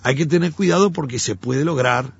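A man, a pastor telling stories in an animated conversational way and acting out the voices he quotes. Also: mid-range voice, fairly quick, vocal fry, husky, no echo, dull audio. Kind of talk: conversational teaching.

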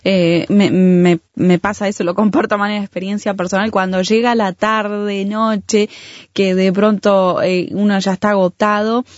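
Woman, radio-style host, halting and agreeable; dull, dry, lo-fi sound. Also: mid-range voice, flat delivery, dry recording. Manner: soft, hesitant, lots of fillers and agreeing.

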